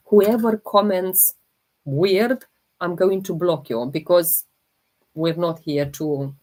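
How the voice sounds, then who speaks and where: A woman's voice: on the low side, a little mellow. A woman from Romania with a Romanian accent, hosting a holistic health livestream, talking casually and hesitantly while she demonstrates and answers viewer comments. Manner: slow, hesitant, many fillers while demonstrating.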